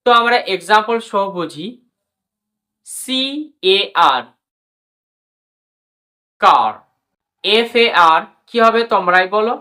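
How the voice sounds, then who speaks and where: A woman's sharp, mid-range voice moves a little slowly through an English pronunciation lesson. She spells out letters, drills words, repeats the rules and addresses those watching as brother and sister.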